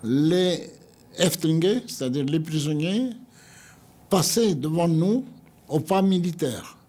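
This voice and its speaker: In a studio interview, an older man from Greece takes his time recounting memories, slipping into other people's voices to act out what they said. His voice is a little high with a warm tone.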